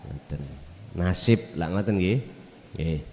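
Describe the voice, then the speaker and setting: Slow, dark-voiced Javanese cleric. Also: male voice, sits low, big-room sound, a little hiss or hum. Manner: slow and deliberate. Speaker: Islamic cleric answering questions. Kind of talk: religious Q&A answer.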